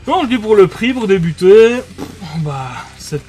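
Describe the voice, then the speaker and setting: A man walks through a budget tactical vest in a relaxed review. His voice sits on the higher side, and he hesitates often, circling back with fillers. Soft music plays faintly underneath. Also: a little slow. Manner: hesitant, many fillers and restarts. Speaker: airsoft gear reviewer. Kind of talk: casual product review.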